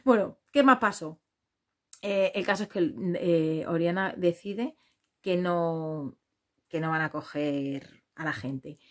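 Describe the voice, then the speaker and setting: A woman's voice: fairly low pitch, slow. A woman from Spain giving casual gossip commentary on a reality show, outspoken and blunt, swearing freely and mimicking the contestants.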